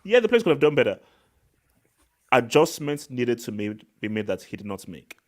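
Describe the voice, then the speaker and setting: Male stream host, casual sports banter, slangy, animated, mid pitch, repeats himself for emphasis. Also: normal speed. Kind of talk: casual live reaction sports chat.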